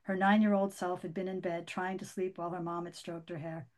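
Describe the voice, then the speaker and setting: An animated woman author talks about her book and reads a passage from it. She speaks in an energetic voice with frequent restarts, then slows down for the narration. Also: lowish voice. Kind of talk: conversational interview, then reading from her book.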